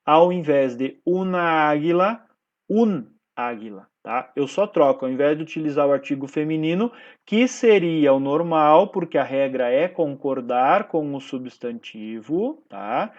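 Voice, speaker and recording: Brazilian male teacher for a recorded class, slightly high voice, patient explanations with frequent tag questions, dull lo-fi sound. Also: lively intonation, a little slow. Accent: Brazilian Portuguese. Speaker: Spanish teacher.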